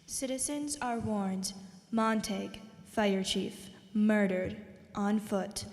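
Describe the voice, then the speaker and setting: An actress playing a stern public announcer warning citizens through a megaphone, in a slow, measured way. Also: female voice, medium pitch, faint music behind. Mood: grave warning. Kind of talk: radio drama. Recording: distant echoey loudspeaker sound.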